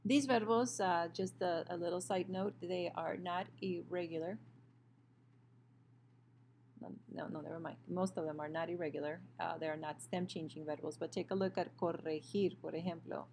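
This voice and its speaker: A woman with a low, gravelly voice walks through a recorded grammar lesson over a screen share. She explains patiently, often pausing on fillers and correcting herself. A faint hum sits under the computer-mic recording. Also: fairly even intonation, a little mellow. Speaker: Spanish teacher.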